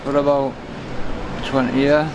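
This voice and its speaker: A man's voice: mid-range voice, little pitch movement, unhurried, over music, rough recording. A man, answering street interview questions in a plain-spoken, matter-of-fact way and repeating his words. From Cumbria, England. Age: 50s. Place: city street outdoors, beside a building front. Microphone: vlogger's handheld camera mic. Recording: loud street noise.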